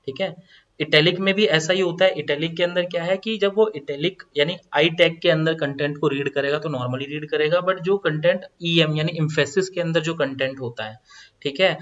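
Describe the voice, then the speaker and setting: A man's voice: fairly high pitch, a bit bright. Man teaching code over a dull lo-fi mic. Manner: explaining step by step, repeats phrases. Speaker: coding tutorial teacher. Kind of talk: screen-recorded coding lesson.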